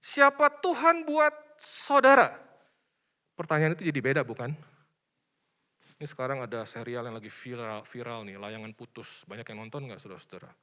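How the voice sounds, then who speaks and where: A man preaching a sermon in a church, animated, swinging between soft asides and loud emphasis while addressing the congregation. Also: medium pitch, normal speed, clear, resonant tone. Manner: addresses congregation repeatedly as brothers and sisters. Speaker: pastor.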